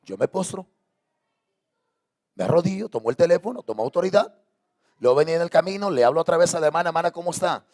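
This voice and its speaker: A man's voice: a little high, lively intonation, fast, pauses often, darkish tone. A man preaching a sermon as pastor, impassioned, throwing out repeated rhetorical questions to his congregation. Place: church sanctuary.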